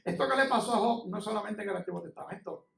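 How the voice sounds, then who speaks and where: Puerto rican pastor man preaching, real high voice w gravel, echoey church mic far off. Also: racing, fairly bright tone. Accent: Puerto Rican Spanish. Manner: impassioned, conversational preaching with testimony. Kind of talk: sermon. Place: church sanctuary.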